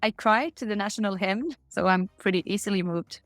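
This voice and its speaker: A woman's voice: mid-range voice, a little fast, no echo, soft background music. A middle-aged woman from Norway with a Norwegian accent, answering interview questions in a candid, upbeat way over a remote call. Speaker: guest.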